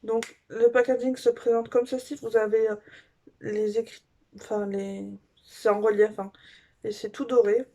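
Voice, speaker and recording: A woman beauty vlogger chatting casually through a makeup haul review, gushing and filling pauses with little fillers. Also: fairly high pitch, little pitch movement, warm tone.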